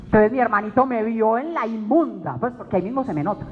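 A woman's voice: on the high side, fast talker, slight background noise. A woman giving an emotional testimony sermon to a faith group, telling her story dramatically and acting out her own words. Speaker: speaker at a weekly faith meeting. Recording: dull recording in a reverberant hall.

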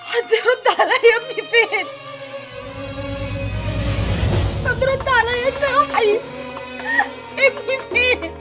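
A woman's voice: very high-pitched, moderate pace. An actress with an Egyptian accent playing a distraught young woman who has lost her baby, sobbing and crying out in grief in a TV drama. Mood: hysterical. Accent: Egyptian Arabic. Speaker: grieving daughter. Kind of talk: TV drama acting. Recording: music score underneath.

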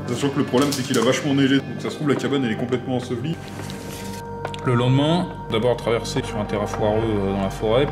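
A man's voice: mid-range voice, fast talker, echoey room, over music. A young man casually explaining his ski mountaineering plans in a vlog, point by point, at home. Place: home living room.

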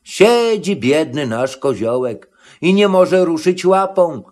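A man narrating a children's rhymed storybook, reading the verse in an expressive, rhythmic way. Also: fairly high pitch, slow.

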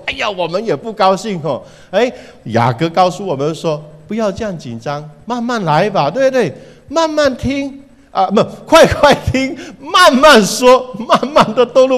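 A man preaching a sermon, telling a story with animation and often asking the congregation questions. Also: on the high side. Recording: reverberant hall.

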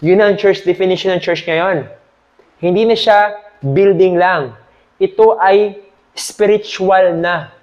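A man's voice: high-pitched, steady tone, measured pace, darkish tone, highs cut off. A man in his thirties with a Filipino accent, giving a church history lesson into a handheld mic in a small meeting room, mixing Tagalog and English and checking in with "okay?" again and again. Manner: mixes Tagalog and English, asks "okay?" often. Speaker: church teacher. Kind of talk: sermon-style Bible lesson.

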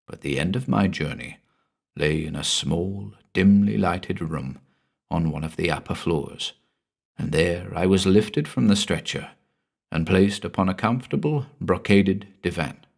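A man with a very low, gravelly voice tells a horror story in the first person. His reading is slow and measured, with a brooding weight to every line. Low voice with a rough grain throughout. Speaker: audiobook narrator. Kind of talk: scripted horror story narration.

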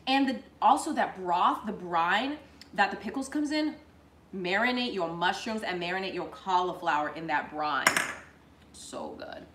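Chatty and bubbly, a young woman speaks to viewers while building a dish on her live home cooking show. Her mid-range voice is animated and a little slow, somewhat bright, captured by a fixed camera at counter distance in an echoey kitchen with a faint hiss or hum.

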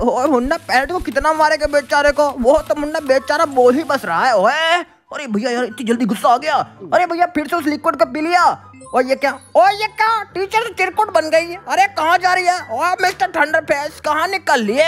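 A man playing a game and chatting as two cartoon characters, excitable, with bursts of loud exclamations. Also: very high voice. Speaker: gaming YouTuber.

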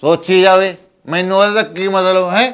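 A man's voice: sits high, fairly even intonation, moderate pace, fairly bright tone, clear, resonant tone. An actor playing a surly, drunk young husband who talks back defiantly to his mother. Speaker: son and husband. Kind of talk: village family drama acting.

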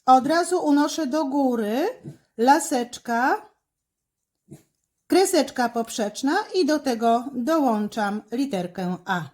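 A woman teacher giving a handwriting lesson, slowly and carefully talking through each stroke as she writes, with fillers between steps. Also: high voice, animated, a little mellow. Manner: slow, careful, instructive, with fillers. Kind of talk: handwriting lesson with step-by-step commentary.

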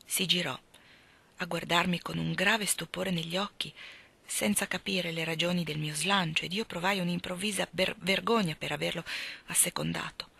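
A woman reading a novel aloud in the first person with measured, expressive storytelling. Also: on the low side, gravelly, slightly rough. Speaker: audiobook reader.

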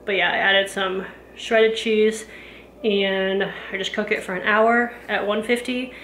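This home vlogger, a woman in her thirties, talks casually and rambles with many fillers while cleaning and cooking in her kitchen, recorded on a handheld camera at arm's length. Her mid-range voice is a bit bright, set in a reverberant room with a little hiss or hum.

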